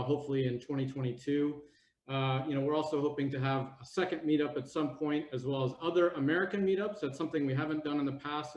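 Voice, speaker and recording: A man in his forties giving a halting update on a video call, full of fillers and restarts. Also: medium pitch, a little mellow. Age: 40s. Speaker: committee presenter. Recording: echoey, dull video call audio.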